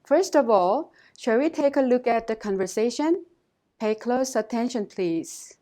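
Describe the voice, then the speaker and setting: A woman teacher giving a scripted language lesson in a measured, instructive way, pausing to model phrases for listeners to repeat. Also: a little high, animated, mellow.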